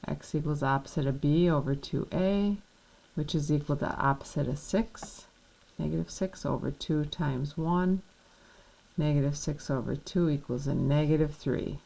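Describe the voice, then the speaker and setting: A woman's voice: deep voice, moderate pace, gravelly, mellow, rough recording. A woman teaching a math lesson, patiently walking through each step and checking in with the class.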